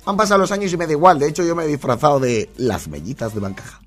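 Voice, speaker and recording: A man's voice: on the high side, animated, rapid-fire. A man with a Spain Spanish accent chatting casually to followers, laughing often and mimicking voices. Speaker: host.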